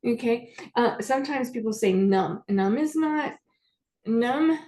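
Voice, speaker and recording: A woman's voice: on the high side, animated, slow pace, dark tone, slight background noise. A middle-aged woman therapist explaining emotions in a casual, chatty talk, telling stories and acting out what clients say. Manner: chatty storytelling, acts out quoted clients.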